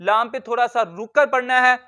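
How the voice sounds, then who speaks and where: A man with a very high, crisp and ringing voice leads a word-by-word tajweed lesson. He patiently explains each rule, then sounds out the letters and words slowly, repeating them for the learner. The tone stays bright and sharp throughout. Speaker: Quran reading teacher.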